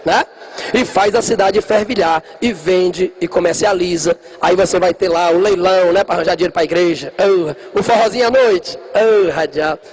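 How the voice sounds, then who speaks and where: High-voiced, joking teacher. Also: male voice, moderate pace, low-quality recording. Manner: jokey, talks straight to students, acts out little scenes. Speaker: history teacher. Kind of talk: lively classroom lecture. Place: classroom.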